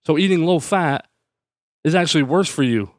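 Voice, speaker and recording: A man's voice: fairly high pitch, normal speed, no echo. Fired-up man ranting in a dry room. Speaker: podcast host. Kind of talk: solo podcast rant.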